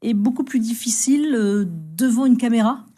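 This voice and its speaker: A woman hosting a conversational studio interview, speaking haltingly and often repeating words and phrases. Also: a little high, dark tone. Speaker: TV interviewer, host.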